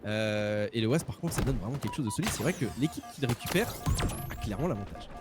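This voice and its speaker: A man's voice: mid-range voice, fast talker, music in the background. A man giving casual, emphatic live commentary as an esports caster. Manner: excitable, emphatic. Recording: clear game noise behind the voice.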